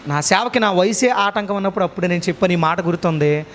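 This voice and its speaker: A man's voice: high-pitched, fast, a bit bright. A male preacher delivers a colloquial sermon in a church hall. He keeps throwing rhetorical questions at his congregation and presses them to answer aloud. A faint noise sits under his voice. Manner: fires repeated rhetorical questions at the listeners.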